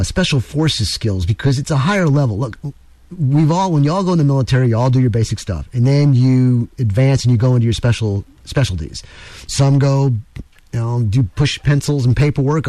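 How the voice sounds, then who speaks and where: A man's voice: medium pitch, darkish tone, dry recording. Jokey, rambling male radio talk-show host. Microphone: studio microphone.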